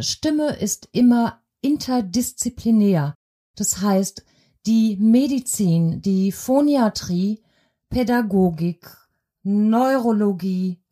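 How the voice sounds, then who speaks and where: Woman voice coach, podcast lesson, unhurried and mellow, measured explaining, talks to the listener directly. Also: mid-range voice.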